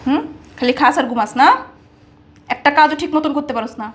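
A woman's voice: fairly high pitch, fast talker, natural voice. An actress playing a cruel, bossy woman who scolds and belittles a young maid. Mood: contemptuous. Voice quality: scolding, contemptuous. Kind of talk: Bangladeshi short drama acting.

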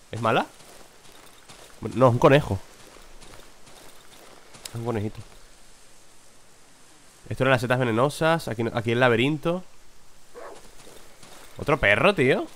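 A man's voice: mid-range voice, brisk, long pauses, a bit bright, a little hiss or hum. A man commentating his horror game session, jumpy and swearing, reading item names aloud. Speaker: gaming video host. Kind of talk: let's play commentary.

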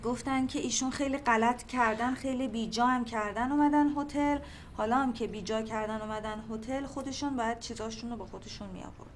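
An actress playing a hotel receptionist who talks politely and hesitantly. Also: female voice, on the high side, slight background noise, lightly acted. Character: young woman hotel receptionist, polite, nosy.

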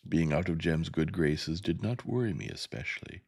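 A man narrating a novel in a gentle, soft ASMR reading. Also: a bass voice, animated, normal speed, creaky.

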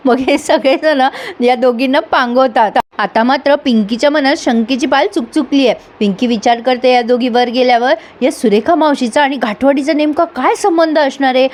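Brief: woman reviewer, high voice, chatty soap recap. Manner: lively storyteller addressing viewers. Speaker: serial reviewer. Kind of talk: retelling a soap episode.

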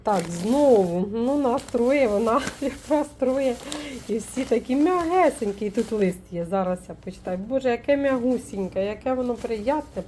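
A woman from Ukraine chats casually in her home vlog, fussing lovingly over each gift with tender little words. Her voice sits a touch high yet sounds mellow and dark. A faint room noise runs under the recording. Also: expressive, normal speed. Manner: warm, doting, with many fond diminutives. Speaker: folk witch vlogger.

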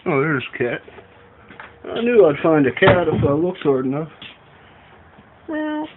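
A man filming his pets at home, coaxing and chatting to them in a soft, doting way. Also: on the high side, moderate pace, phone-quality sound, background noise. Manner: coos and talks softly to his pets. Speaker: pet owner filming his animals. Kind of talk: casual narration of home pet video.

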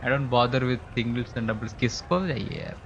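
A man's voice: medium pitch, fairly even intonation, rapid-fire. Indian man streaming, slightly dull sound. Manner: joking, playful boasting. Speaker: live game streamer. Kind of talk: casual chat while gaming. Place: indoor room, streaming setup. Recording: dull audio with faint game noise. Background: cricket game sound.

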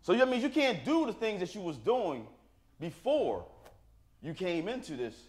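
A man's voice: high voice, big pitch swings, moderate pace. A man preaching a sermon to his congregation, talking plainly and informally and checking in with "right?" after his points. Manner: call-and-response, asks the congregation "right?"; plain-spoken, informal grammar. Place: church sanctuary. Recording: echoey church room.

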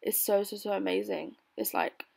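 A young adult British woman giving a casual makeup tutorial voice-over in a bored, low-energy way. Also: fairly even intonation, normal speed, creaky, darkish tone. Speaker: beauty vlogger. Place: bedroom, voice-over recorded lying on bed.

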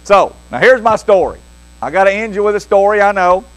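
Older pastor, man, high tenor, folksy jokey storyteller in the pulpit. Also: fairly quick, poor audio. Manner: homespun, jokey, lively delivery.

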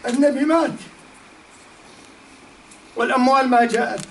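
High-voiced man teaching. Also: steady tone, normal speed. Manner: storytelling with rhetorical questions. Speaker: Islamic teacher. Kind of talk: religious lesson. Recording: distant mic, faint background noise.

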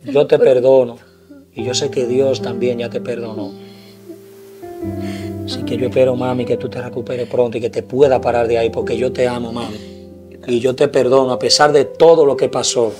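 A man's voice: mid-range voice, level tone, normal speed, natural voice. An actor playing a grown son who scolds his drinking mother and later forgives her, over background music. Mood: tender. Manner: stern, then gently preaching.

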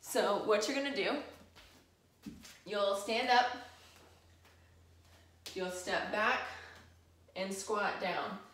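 A woman coaching an exercise warm-up, explaining each move while she demonstrates and sounding slightly out of breath. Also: mid-range voice, drawn-out words, pauses often. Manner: instructive, demonstrating while moving. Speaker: physical therapy instructor. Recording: very echoey, mic far off.

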